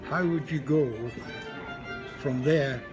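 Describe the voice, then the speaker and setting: An older man with a Scottish accent chatting casually, often pausing and searching for his words. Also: fairly high pitch. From Scotland. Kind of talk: casual chat. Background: loud music and crowd.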